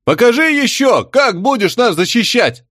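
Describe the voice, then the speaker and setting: A man's voice: very high-pitched, very animated, normal speed, fairly bright tone, no echo, clean studio sound, pitched above the performer's own voice, exaggerated voice. A man voicing a rowdy, crude crowd of male savages, jeering and bickering.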